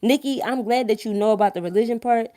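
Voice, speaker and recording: Fast-talking and a little high, with a warm tone, she addresses her live-stream viewers in a thick Philadelphia accent. The talk is informal and opinionated, blunt, slangy and full of swearing, with repeated tag questions checking that people follow. Clean studio sound, no echo.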